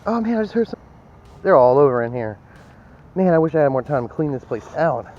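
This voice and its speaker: A man's voice: fairly high pitch, sing-song, brisk, darkish tone, highs cut off, a little hiss or hum. A man vlogging as he metal detects on a sand beach at dawn, chatting to viewers and often exclaiming. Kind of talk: casual narration to camera while detecting.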